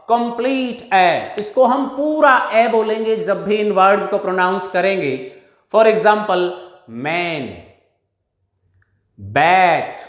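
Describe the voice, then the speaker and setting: Indian guy teaching pronunciation, talks real slow, stretches out every example word, echoey room. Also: high voice, fairly bright tone. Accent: Indian English. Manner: slow and deliberate, drawing out each example word. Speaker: English teacher. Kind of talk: spoken pronunciation lesson.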